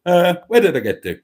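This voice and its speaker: A man with a high-sitting, mellow voice and some vocal fry hosts a casual livestream from a chilly room at home. He reads out viewer comments in a chatty, cheeky way, calling his audience darlings.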